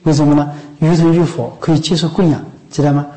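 A man's voice: fairly high pitch, steady tone, fast, warm tone, rough recording. A man, a Buddhist monk, giving an informal dharma talk to lay followers. He talks in a chatty, coaxing way, keeps asking his listeners whether they understand, and coughs now and then. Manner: conversational, often asks "知道吗？" and "是不是？".

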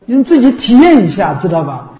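A man with a high, mellow voice gives a Buddhist dharma talk in a relaxed, conversational way. He keeps asking his listeners rhetorical questions and slips into the voices of the people he quotes. The sound is roomy, with a clear echo. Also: fairly quick. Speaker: Buddhist monk teacher. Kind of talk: dharma talk to lay followers.

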